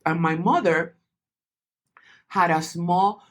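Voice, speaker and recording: Middle-aged woman on a podcast, animated storyteller, keeps restarting her sentences. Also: fairly low pitch, slow. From Puerto Rico. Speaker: guest. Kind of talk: podcast interview.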